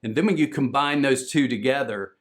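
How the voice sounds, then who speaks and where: Southern American man presenting at a conference, brisk and energetic, salesy. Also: mid-range voice. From Southern United States. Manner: energetic, fast-talking, salesy. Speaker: podcast business presenter.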